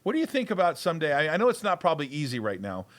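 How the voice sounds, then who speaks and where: A man hosting a casual livestream show, talking in an excitable, rambling way and repeating himself. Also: on the high side, racing. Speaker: show host.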